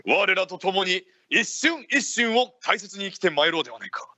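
A man's voice: high voice, big pitch swings, normal speed, sharp tone, exaggerated voice. A man playing a genial feudal Japanese ninja lord hosting live radio, speaking in archaic samurai-era phrasing. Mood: hearty, earnest. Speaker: radio show host.

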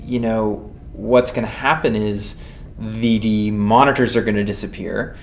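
Gravelly-voiced man in an echoey expo hall. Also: steady tone, a little slow. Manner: enthusiastic, talks with his hands. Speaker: company representative. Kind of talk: expo interview. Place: booth at a tech expo, indoors. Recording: roomy expo hall with faint rumble.

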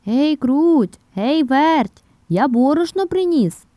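A woman's voice: high voice, wildly swooping pitch, moderate pace, a little mellow, no room sound, voice pushed up. A woman voicing a hardworking, cheerful rooster in an audio fairy tale, calling out in a sing-song way. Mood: calling, eager. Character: hardworking cheerful rooster, patient then stern.

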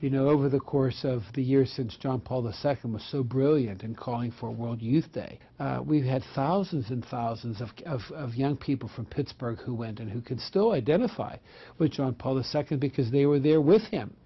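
A man, a bishop, speaking in a news interview, earnest and halting with repeated words. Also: mid-range voice, slightly rough, lo-fi sound.

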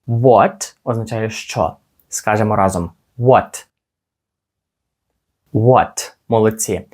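A man teaching children simple English words slowly, encouraging them and pausing so they can repeat. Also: medium pitch, lively intonation, darkish tone. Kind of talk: slow, clear language lesson for kids.

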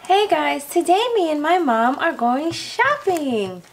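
[name]: a woman doing a very high, gushing little girl doll. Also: slow pace, a little hiss or hum, heavily acted. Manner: gushing, breathless with excitement. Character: excitable little girl doll shopping with mom. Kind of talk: toy doll play video.

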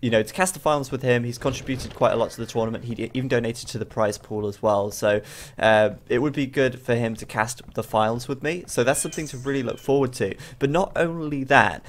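A young game caster with a cold and a stuffy nose casts a strategy game match late at night, tired, in rambling commentary full of fillers. His voice is mid-range and a little fast.

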